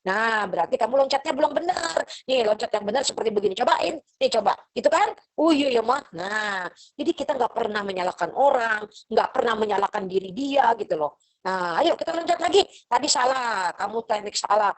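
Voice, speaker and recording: Over a video call, a middle-aged woman lectures a university class in a chatty, motherly manner, acting out parents' lines. Her voice is on the high side, animated and fairly quick, and the recording quality is low.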